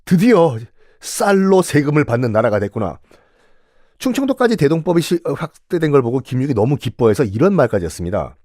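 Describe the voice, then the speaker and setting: A man giving a lively storytelling history lecture, acting out quotes and putting questions to his listeners. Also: a little high, a little fast, no echo, clean studio sound. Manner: animated, acts out quotes, asks the audience questions.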